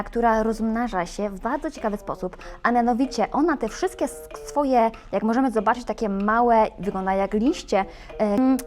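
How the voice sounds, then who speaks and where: A woman hosting a plant shop video, talking in a playful, chatty and animated way. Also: a little high. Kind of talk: casual video presenting plants.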